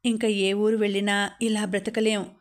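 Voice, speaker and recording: A woman voicing a worried, affectionate older mother in an audiobook, speaking softly and pleadingly. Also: medium pitch, level tone, moderate pace, lightly acted. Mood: sorrowful.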